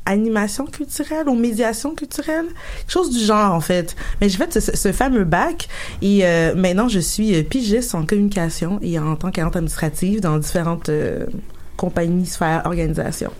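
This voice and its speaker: A woman chatting as a guest on a casual radio show. She talks quickly and playfully and fills her pauses with hesitations. Her voice sits at a middle pitch. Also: darkish tone. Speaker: guest, freelance communications worker.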